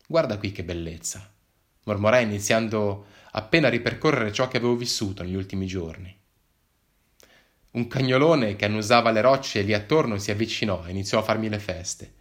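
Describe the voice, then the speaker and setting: A man narrating a first-person story in a wry, measured, expressive way. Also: on the low side.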